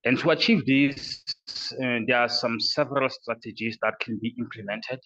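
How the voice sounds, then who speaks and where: A man's voice: medium pitch, normal speed, fairly bright tone. A man from South Africa speaking formally as a panelist in an online discussion. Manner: formal, prepared phrasing. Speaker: panelist, writer. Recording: muffled online call audio.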